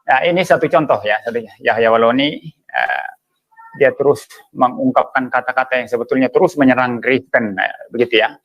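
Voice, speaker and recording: A man's voice: mid-range voice, normal speed, no room sound. A pastor interviewing a guest, asking his questions hesitantly with many fillers. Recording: dull lo-fi audio.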